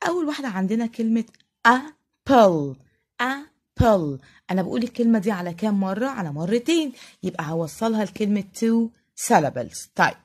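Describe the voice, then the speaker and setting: A woman with an Egyptian Arabic accent teaching English to young primary pupils, stretching out each English word slowly and clearly. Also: medium pitch. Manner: slow, drawn-out spelling of English words for young pupils. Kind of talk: recorded classroom lesson.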